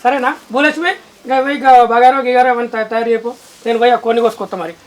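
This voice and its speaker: A woman playing a caring elder brother, talking loudly and affectionately in a Telangana Telugu accent. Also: on the high side, fairly even intonation, racing, close to an everyday voice, poor audio. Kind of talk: village family drama acting.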